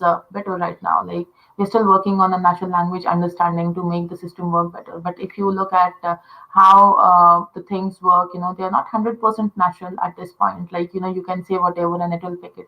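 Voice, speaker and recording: Explaining conversation design in easygoing, filler-heavy talk ("uh," "you know"), this woman speaks with an Indian accent; she's from India and a native Telugu speaker. Her voice sits on the low side, and the recording is muffled.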